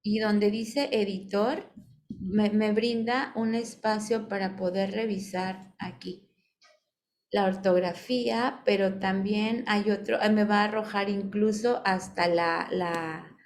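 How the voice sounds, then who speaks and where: A woman's voice: mid-range voice, steady tone, slow. A woman with a Mexican Spanish accent teaching a live online class on spelling and punctuation. She is patient, asks "ok?" often and calls on her students by name. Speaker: online course instructor.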